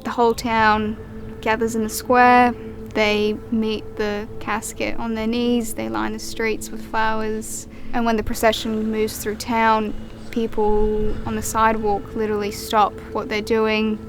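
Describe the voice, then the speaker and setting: A young woman from Ukraine, a journalist, giving measured, reflective documentary narration. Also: on the high side, completely flat delivery, background noise. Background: music.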